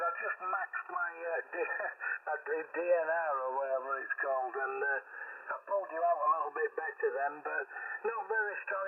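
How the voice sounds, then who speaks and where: A man's voice: fairly high pitch, breathy edge, far from the mic, narrow, tinny audio. A man chatting casually as an amateur operator over a ham radio link. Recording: thin ham radio signal with static.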